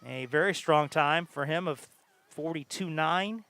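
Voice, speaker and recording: Clear, dry-sounding male track commentator. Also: a little high, measured pace, bright, forceful tone, no echo. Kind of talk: live sports commentary.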